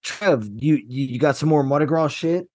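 A drunk man with a Cajun Louisiana accent, hosting a casual podcast chat and telling loud, profane stories. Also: a little high, normal speed. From Louisiana, USA. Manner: loud, profane, laughing storyteller. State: drunk on whiskey. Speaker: podcast host.

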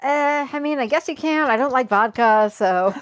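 A woman's voice: high voice, measured pace, dry recording, clean studio sound. A woman with a Chicago accent co-hosting a podcast in laid-back, wry casual chat. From Chicago area. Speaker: podcast co-host.

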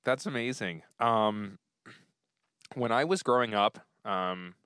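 A man in his thirties hosts a casual chat. He talks in a lowish voice, full of ums and eager restarts, and the recording is close and dry. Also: takes it slowly, fairly bright tone, smooth, no echo. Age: 30s. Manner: chatty, effusive, many fillers and restarts. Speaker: podcast host.

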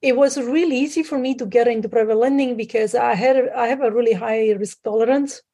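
A woman from Sicily, a guest on a call, talking through her past with many pauses and fillers. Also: on the high side, warm tone, husky. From Sicily, Italy. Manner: hesitant, many fillers, restarts. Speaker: guest, private lender. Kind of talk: conversational interview. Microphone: remote call.

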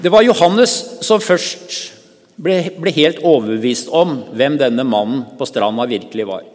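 A man preaching a sermon, retelling a Bible story in a calm, measured way with pauses. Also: mid-range voice. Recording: church with long reverb.

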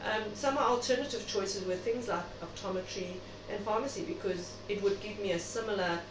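Her voice is mid-range and fairly fast: a middle-aged South African woman being interviewed, sharing thoughts in a chatty, reflective manner. Sound is captured by a distant microphone in an echoey, noisy space.

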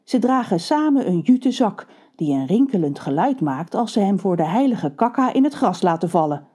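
A woman narrating a children's story in a lively, expressive way. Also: mid-range voice, moderate pace, slightly rough.

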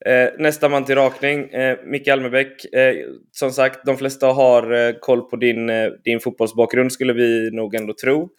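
A man's voice: mid-range voice, level tone, hardly any pauses, clean tone. A man hosting a podcast in casual chat, informal and hesitant with many fillers. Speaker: podcast host.

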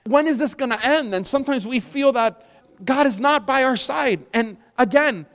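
A man's voice: very high-pitched, normal speed, fairly bright tone. A man in his forties preaching a sermon in a conversational style, rising to emphatic peaks. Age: 40s. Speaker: pastor. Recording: long hall reverb.

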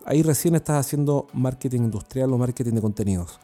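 Faint music plays behind a man with a Chilean accent who talks fast in a mellow, mid-range voice. He hosts a solo podcast and also works as a sales consultant, speaking chattily and earnestly with many fillers and restarts.

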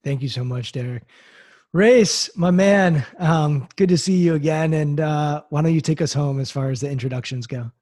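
A man's voice: on the high side, normal speed, a little mellow, dry recording, clean studio sound. A man moderating a panel, thanking guests and handing over to them, with stammered repeats. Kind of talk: panel discussion.

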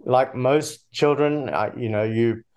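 Speaking slowly in a mid-range, slightly mellow and clean voice, a man in his sixties recounts his life as an interview guest. His accent is slightly mixed South African, and he comes across as hesitant and reflective.

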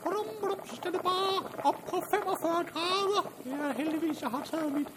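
A man's voice: very high voice, noisy background. A man playing an eccentric, cheerfully bossy wizard with sing-song, chatty patter in a comic drama. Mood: chirpy, busy. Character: eccentric male wizard brewing purple potions, cheerfully bossy. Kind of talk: comic role-play drama.

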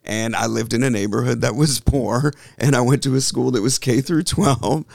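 A man with a gravelly, creaky voice at a middling pitch chats as a guest. He tells stories wryly, and the sound is dry and close. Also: steady tone, normal speed, dry recording. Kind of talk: casual chat.

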